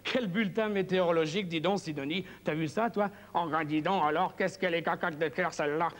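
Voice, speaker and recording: A man's voice: fairly high pitch, fast talker, in a large hall. A man working as a ventriloquist on a TV variety show, playfully chatting with his puppets like a kindly uncle. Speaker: ventriloquist and impressionist guest.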